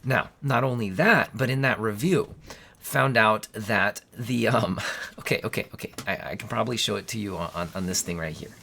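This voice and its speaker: A man with a lowish voice, hoarse from a cold, hosts a casual tech review from his home studio. He rambles and corrects himself, tripping over restarts as he goes. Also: normal speed, bright, forceful tone, a little hiss or hum. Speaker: tech channel host. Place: home studio with green screen.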